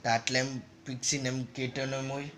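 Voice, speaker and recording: A man's voice: mid-range voice, flat delivery, a little fast. A man casually narrating a story over a game, in loose, rambling and repetitive phrases. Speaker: gaming channel narrator.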